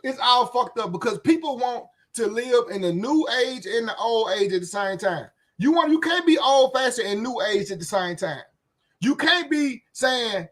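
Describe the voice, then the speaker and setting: Outdoors in the wind, a man in his late thirties with a Southern US Memphis accent rants bluntly and profanely as a YouTube commentator, repeating himself and often saying "you know what I'm saying." His voice is very high with a fairly bright tone.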